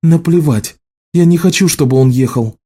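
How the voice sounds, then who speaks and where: An anxious, pleading wife in a storybook, put on by a man reading aloud. The voice rides high above the reader's own, raised and scolding. Underneath, the timbre stays dark and mellow. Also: moderate pace, husky. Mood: angry, pleading.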